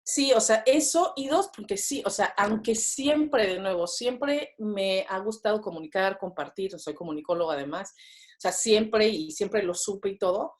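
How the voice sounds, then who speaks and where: Speaking at normal speed in a medium-pitched voice, a Mexican woman in her thirties takes part in a relaxed podcast interview. Her accent is Mexican Spanish, and she leans heavily on fillers and tag questions.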